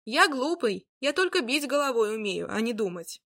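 A woman's voice: fairly high pitch, big pitch swings, moderate pace, fairly bright tone, heavily acted. A woman voicing a boastful, simple-minded male dragon who can turn into a man, blunt and grumbling. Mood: eager.

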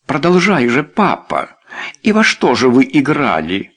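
An eager, spirited young daughter, as a male audiobook reader voices her, pitched far above his own voice and bouncing in pitch. She speaks with curious enthusiasm. It comes from a romance storybook. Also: animated, unhurried, slightly rough, full character voice.

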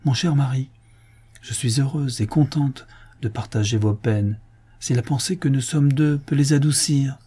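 A man reading the part of a gentle, devoted young wife, speaking tenderly. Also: mid-range voice, a little slow, husky, pitched above the performer's own voice.

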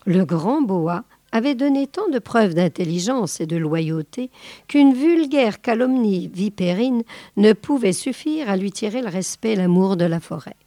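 A woman reading a tale aloud in a measured, unhurried way. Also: medium pitch, animated, mellow, no echo, clean studio sound. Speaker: reader of stories.

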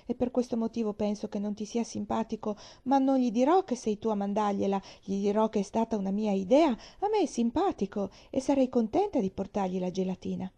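A woman's voice: medium pitch, fairly quick, hardly any pauses, dark tone, lightly acted. A woman reading aloud, voicing a cheerful, earnest little orphan girl in a raised, pleading voice.

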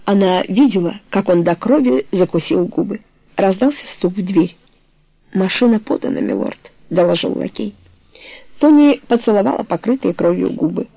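Brief: woman reading a romance novel aloud, dark and gravelly, dry close sound. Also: medium pitch, animated, normal speed, no echo, lo-fi sound. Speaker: audiobook narrator.

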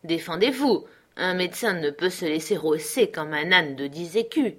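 A woman's voice: fairly low pitch, expressive, normal speed, breathy edge. A woman reading the part of a cool, ironic middle-aged country doctor who speaks coldly and mockingly.

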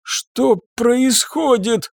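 A man's voice: extremely high pitch, level tone, very slow, gravelly, a bit bright, roomy sound, voice pushed up, exaggerated voice. A man doing a wheezing, terrified bodyguard. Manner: wheezing, breathless cries.

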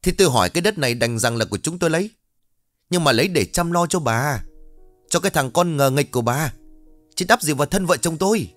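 A man's voice: quick pace, long pauses, faint music behind, lightly acted. A man voicing a greedy, harsh young daughter-in-law who snaps and hisses. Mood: scornful. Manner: shrill, spiteful, snapping.

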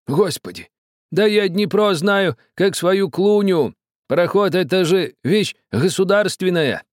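A man's voice: high voice, animated, unhurried, dry recording, clean studio sound, voice pushed up. A man voicing a stubborn, quarrelsome old village man who grumbles, wheedles and threatens. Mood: insistent.

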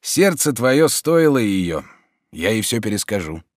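Man doing a calm practical friend, reassuring, lively inflection, dry sound. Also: fairly low pitch, a little slow, dry recording. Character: Stolz, steady practical friend, warm.

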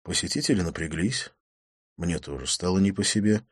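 A man reads a novel aloud in a low voice with lively, shifting intonation. The sound is dry and close, like a studio booth. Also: normal speed, slightly rough, no echo. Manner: expressive reading. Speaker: audiobook narrator. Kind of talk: scripted narration.

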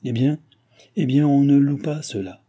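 A flustered country postmaster, voiced by a man, protests in an agitated, pleading tone that breaks into shouts. The voice is dark and husky. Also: medium pitch, moderate pace, voice pushed up, natural voice.

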